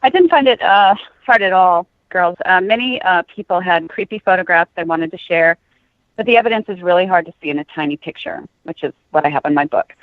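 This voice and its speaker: A woman's voice: fairly low pitch, brisk, no room sound. A woman author answering questions as a podcast guest over a narrow, phone-like connection. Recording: tinny narrow phone-like line.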